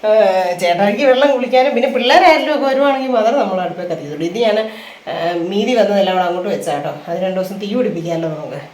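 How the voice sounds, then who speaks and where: Talking very fast in a mid-range, darkish voice, a middle-aged woman from Kerala chats casually with viewers as she gets through chores at home and in the yard. The home vlogger has an Idukki Malayalam accent and a habit of tagging lines with "you know."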